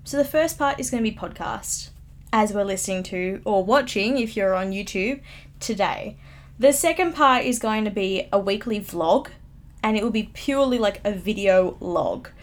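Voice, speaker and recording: A woman's voice: medium pitch, lively intonation, moderate pace. Young woman, late teens, chatty, self-mocking, casual home podcast, close mic. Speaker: YouTuber. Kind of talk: casual solo podcast chat. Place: home room, upstairs. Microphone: studio microphone, close.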